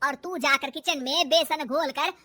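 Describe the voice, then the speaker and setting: Storybook mother-in-law, bossy and scolding, bright sharp tone, voiced by a woman. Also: high-pitched, unhurried, dry recording. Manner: scolding, shouting orders. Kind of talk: storybook character voice.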